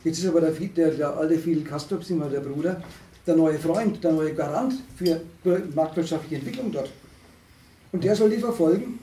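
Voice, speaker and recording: A man holding forth in a discussion, halting and restarting often, with emphatic rises. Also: a little high, mellow. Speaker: speaker at a discussion on asylum. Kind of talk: lecturing discussion talk. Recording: echoey room, distant mic, faint noise.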